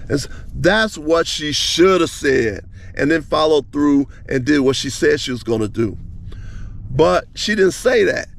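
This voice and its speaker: A man giving relationship advice, telling a friend's story in a casual, animated way with many restarts. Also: fairly high pitch, creaky. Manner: animated retelling, many restarts, speeds up and slows down.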